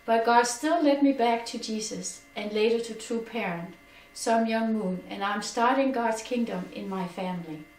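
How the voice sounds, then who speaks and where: A woman's voice: on the high side, moderate pace, darkish tone. Danish woman, earnest, echoey and distant. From Denmark. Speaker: personal testimony speaker. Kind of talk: personal testimony. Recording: echoey room, distant from mic.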